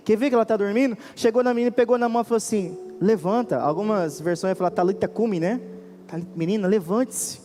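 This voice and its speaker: A Brazilian man preaching a sermon as pastor, swinging between raised and hushed delivery and questioning the congregation. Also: high-pitched, in a large hall. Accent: Brazilian Portuguese. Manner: preaching with sudden rises and drops, questioning the congregation. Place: church.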